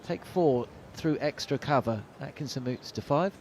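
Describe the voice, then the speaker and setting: A middle-aged man calls cricket ball by ball from a commentary box, mixing play calls with rambling anecdotes and frequent "uh" fillers in a chatty way. His voice is medium-pitched and darkish at a normal speed, with a little hiss or hum.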